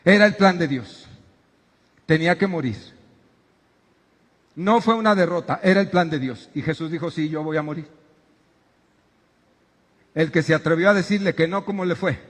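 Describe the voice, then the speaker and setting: A middle-aged man preaching a sermon as pastor, animated and at times shouting dramatic quotes. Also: fairly high pitch, normal speed, long pauses, in a large hall. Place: church auditorium.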